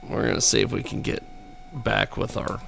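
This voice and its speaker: A man's voice: on the low side, fairly even intonation, moderate pace, gravelly, crowd noise. A man hosting a live broadcast show, talking casually and joking sarcastically about technical trouble. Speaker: radio show host.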